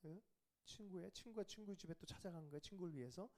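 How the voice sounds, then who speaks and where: A man pastor preaching a revival sermon who questions the congregation and drops to a whisper for quiet asides. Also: sits high, quick pace. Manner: questions the congregation and asks for replies.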